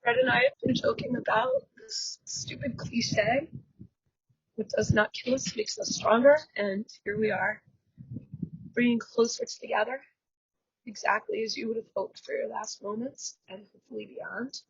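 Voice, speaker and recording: A husky, breathy middle-aged woman delivers a memorial eulogy, her gravelly voice swinging widely in pitch as she speaks. Her voice is fairly high and sits close and dry. It comes through dull lo-fi video call audio. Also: expressive, no echo. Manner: heartfelt and halting, wide swings in pitch. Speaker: daughter giving a eulogy.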